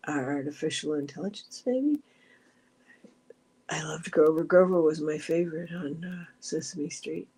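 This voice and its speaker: Middle-aged woman, kinda husky, rambly casual chat on her stream, restarts a lot. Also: sits low, normal speed. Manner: chatty, meandering, with frequent restarts and soft asides. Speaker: livestream host of a meditation group. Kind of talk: casual chat, reading viewer comments aloud.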